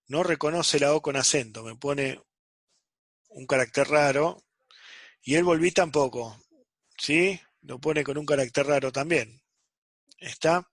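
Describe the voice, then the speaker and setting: A man's voice, a little high and fairly bright, comes through with no echo as he teaches programming online. Nearly every phrase is followed by a quick "¿sí?" or "¿está?" to confirm the students understand.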